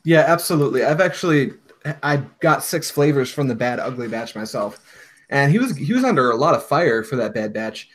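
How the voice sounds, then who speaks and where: A man's voice: medium pitch, animated, a little fast. Easygoing man hosting a casual stream. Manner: easygoing, agreeable, chatty. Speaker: livestream host. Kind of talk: casual livestream chat about hookah tobacco.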